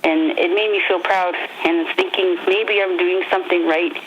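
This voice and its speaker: A woman's voice: fairly low pitch, fairly even intonation, normal speed. A woman speaking earnestly as an interviewed mother, reflective, with frequent restarts, heard over a faint noisy phone line.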